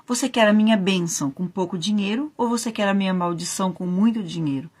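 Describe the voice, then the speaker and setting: A woman voicing an old widowed father who asks in a measured, solemn way. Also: mid-range voice, a little mellow, natural voice.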